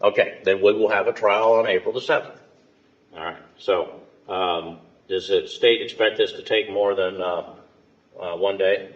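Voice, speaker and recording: Low-voiced stern American judge, muffled courtroom audio. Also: male voice, steady tone. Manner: stern, lecturing, halting with many pauses. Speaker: judge presiding over a hearing. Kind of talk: courtroom questioning and admonishing.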